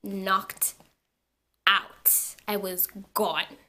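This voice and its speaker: A young woman from Zambia, telling a story to her vlog audience in a casual, animated way and repeating words for emphasis. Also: mid-range voice, drawn-out words, noisy background. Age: young adult. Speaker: university student vlogger.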